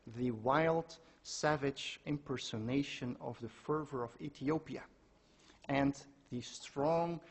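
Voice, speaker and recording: A man giving a measured academic lecture, reading out quotations from his sources. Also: medium pitch, breathy edge. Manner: measured, quoting sources aloud. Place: lecture hall.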